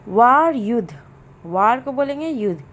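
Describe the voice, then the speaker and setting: A woman with a fairly high voice runs a slow vocabulary drill, giving each word and its meaning twice over. She speaks very slowly and carefully, like a patient tutor. A faint hiss of noise sits behind her. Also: expressive, fairly bright tone. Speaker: English teacher.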